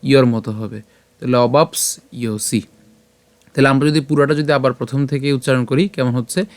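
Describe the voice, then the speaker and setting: Male teacher, patient syllable-by-syllable recitation lesson, mid-pitched voice, dry close sound. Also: steady tone, dry recording. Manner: patient, breaks words into syllables slowly. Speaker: scripture pronunciation teacher.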